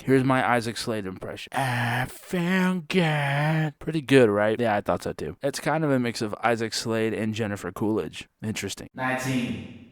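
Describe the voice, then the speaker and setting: A man's voice: fairly low pitch, clean tone, dry recording, studio quality. A man hosting a casual ranking commentary, sarcastic and joking, with playful jabs. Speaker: host.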